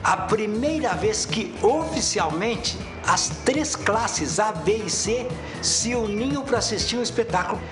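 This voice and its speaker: A man's voice: sits high, expressive, measured pace, echoey room, music in the background. A man speaking emphatically in a documentary interview, repeating phrases and posing rhetorical questions.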